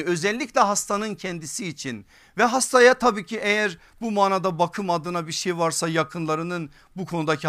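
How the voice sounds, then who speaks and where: A man's voice: high voice, sharp tone. A man preaching from a pulpit in a didactic religious lecture, stating rules emphatically and adding conversational asides. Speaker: preacher giving a religious lesson from a lectern. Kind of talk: sermon-like religious lecture to listeners.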